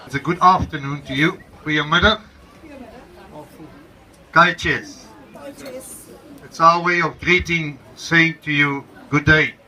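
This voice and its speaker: A man, an interim leader, giving a slow, emphatic ceremonial welcome speech to a gathering and repeating his key phrases. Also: a little high, steady tone, bright, forceful tone, a faint crowd, rough recording. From South Africa.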